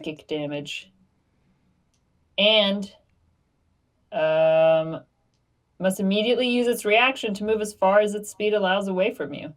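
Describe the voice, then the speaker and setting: A woman playing a tabletop roleplaying game, calmly working through her turn and counting dice aloud. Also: medium pitch. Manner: unhurried, adds up dice aloud. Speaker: player. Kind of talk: casual tabletop game play.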